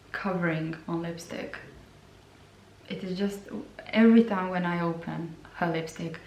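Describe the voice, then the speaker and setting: A woman reviewing lip products in a slow, hesitant way, often repeating her words. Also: lowish voice, darkish tone, a little hiss or hum. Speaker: beauty vlogger. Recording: roomy sound from a distance.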